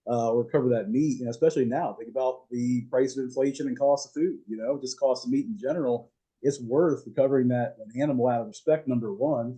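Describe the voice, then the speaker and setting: A man's voice: mid-range voice, mellow, slightly rough, low-quality recording. A man in his forties hosting a podcast, talking in a friendly, jokey way. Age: 40s. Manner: friendly, jokey, laughs easily. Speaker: podcast host. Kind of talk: casual podcast chat.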